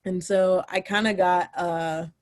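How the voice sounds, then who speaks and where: A woman's voice: lowish voice, steady tone, a little slow. A young woman, a former college footballer, casually telling her story as a podcast guest, with many fillers and restarts.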